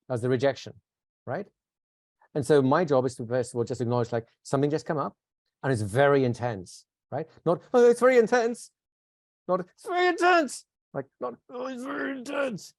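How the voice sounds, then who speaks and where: A man teaching a live workshop, talking conversationally, asking the class questions and shifting into a calm, soothing voice to demonstrate. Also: medium pitch, dry recording. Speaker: instructor.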